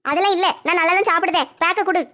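A woman's voice: very high-pitched, racing, pushed and bright. A woman voicing a stern, protective middle-aged village mother, lecturing and scolding. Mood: fond.

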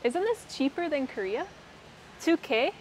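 A woman's voice: sits high, big pitch swings, unhurried, slight background noise. Chatty Minnesota woman with a wry edge. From Minnesota, USA. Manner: chatty, wry, laughs often. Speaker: vlogger. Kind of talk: casual vlog chat.

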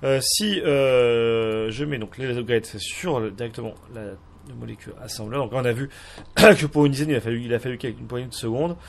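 Speaking a little fast in a medium-pitched voice, a man with a French accent runs a casual Minecraft mod tutorial recorded from his screen. His delivery is hesitant, full of fillers and restarts.

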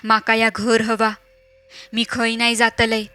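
A woman voicing a greedy, menacing spirit that has possessed a young wife, speaking slowly with a Malvani accent. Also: on the high side, completely flat delivery, sharp tone, smooth, no echo.

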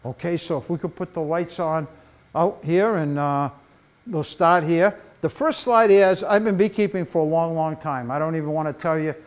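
An older man tells stories at a library beekeeping talk, his voice riding fairly high for a man. He is animated and folksy, full of asides to the room, and a lapel mic picks him up. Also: moderate pace. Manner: animated storyteller, wide gestures, folksy asides. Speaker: beekeeping presenter. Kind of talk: public talk with slides.

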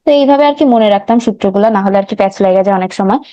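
A young woman, teaching an online recap lecture. Her voice is warm and mellow, and she talks through each step, pausing to correct herself. The recording is dry and a bit dull. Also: medium pitch, dry recording. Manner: talks through steps on a board, frequent self-corrections and fillers.

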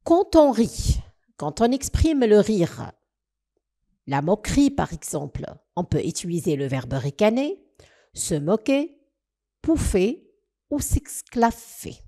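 A woman teacher with a Tunisian accent giving a recorded French grammar lesson, listing words one by one. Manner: slow, listing words one by one with lively pitch.

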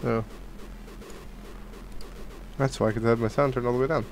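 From his home gaming room, a young gaming host with a cold wanders through laid-back Minecraft let's play commentary, stumbling over fillers and restarts, on a headset and studio mic at his desk. His medium-pitched voice is fairly even and moderately paced, over faint background music and poor audio.

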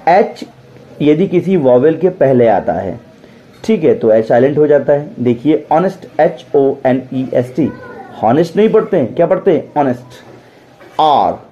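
A man with an Indian accent teaches a classroom-style English pronunciation lesson, spelling out words and posing questions that he then answers himself. His voice is on the high side, and the recording has its highs cut off.

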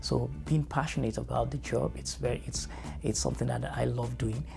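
A middle-aged man with a Nigerian accent speaks in a measured, thoughtful way, his mid-range voice heavy with gravelly fry. He answers questions in a studio interview. Clear background music plays under him. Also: medium pitch, steady tone. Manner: measured, earnest, thoughtful with fillers. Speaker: family educator. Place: studio with dark backdrop.

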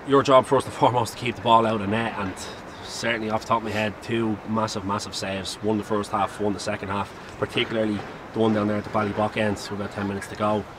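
An Irish man asks long, chatty questions at a quick pace, his voice slightly low. He is outdoors at a stadium, with clear traffic noise behind him. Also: flat delivery. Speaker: club interviewer. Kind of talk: post-match interview questions.

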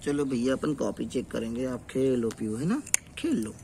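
A man's voice: mid-range voice, lively intonation, normal speed, warm tone, slight background noise. A man talking in a casual home vlog on a sunny rooftop, coaxing a toddler in a playful way. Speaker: vlogger. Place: home rooftop in the sun, outdoors.

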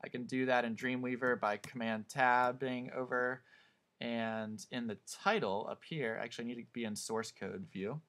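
A man teaching a class, talking through a screen-recorded software tutorial in a calm, step-by-step way. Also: medium pitch, normal speed. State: hiccups.

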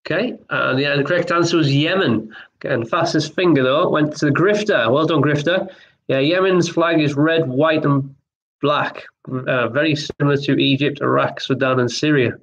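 A man hosting an online pub quiz, reading each question twice and chatting between rounds in a relaxed, apologetic way. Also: a little high, moderate pace, muffled recording, slight background noise. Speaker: quiz host.

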